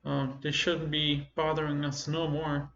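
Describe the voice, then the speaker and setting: A man voicing a proud, formal female kobold leader in a tabletop game, speaking in a measured way. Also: fairly high pitch, monotone, gravelly, a bit bright. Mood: satisfied, formal. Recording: roomy, slightly muffled, faint noise.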